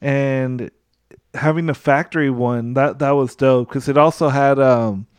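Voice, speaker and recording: A man hosting a casual podcast chat in a relaxed way, often laughing along with his guest. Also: medium pitch, measured pace, smooth, dry recording. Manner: relaxed, frequent backchannel and laughter. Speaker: podcast host.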